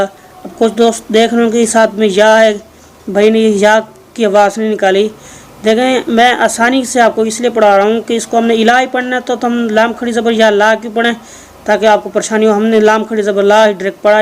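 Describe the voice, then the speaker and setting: A man teaching Quran reading online, spelling out letters and vowel marks slowly and explaining between recitations. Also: high-pitched. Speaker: Quran tutor.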